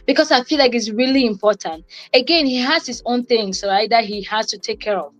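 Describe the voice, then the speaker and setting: A young adult woman from Cameroon, co-hosting and guest speaking on a livestream, gives an informal motivational talk. Her voice is a little high and a bit bright, and she speaks briskly. She keeps it conversational, repeating phrases for emphasis.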